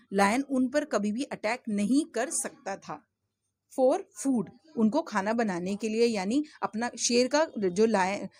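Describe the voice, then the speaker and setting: Slow, patient woman teaching English. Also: mid-range voice, darkish tone, no echo. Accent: Indian English. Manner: slow, patient, spells words letter by letter and asks questions; often checks in with "theek hai?". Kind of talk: spoken English lesson for children in Hindi.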